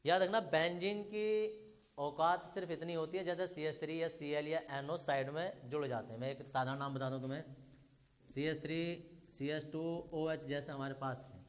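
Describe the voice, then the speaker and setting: A man's voice: fairly high pitch, fairly even intonation, normal speed. A man teaching a chemistry class, explaining step by step and speaking directly to his students. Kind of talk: classroom lecture.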